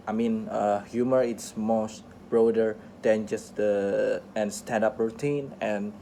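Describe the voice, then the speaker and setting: A man reading an interview script aloud for listening practice, halting often, restarting words and slipping on phrases. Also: lowish voice, warm tone, slight background noise. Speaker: English teacher reading a radio interview aloud.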